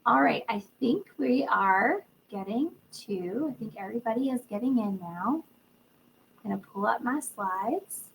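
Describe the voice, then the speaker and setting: Upbeat and casual, a literacy educator greets attendees by name as she hosts a live teaching webinar from an indoor room, her voice fading from a cold and sore throat. She sounds husky and gravelly, on the high side with lively intonation and a measured pace. The recording is low quality, with a little hiss or hum.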